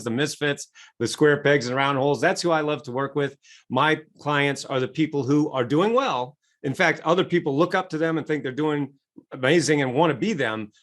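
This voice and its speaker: An enthusiastic American man speaking as a coach, his fairly high voice bright with motivation. He acts out quoted inner voices as he explains, heard over a remote call microphone. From United States. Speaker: guest coach. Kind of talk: energetic interview answers.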